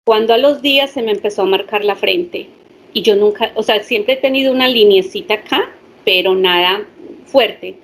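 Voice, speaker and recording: A woman's voice: mid-range voice, moderate pace. A woman, a hypnotherapist earnestly sharing her personal story with a small group.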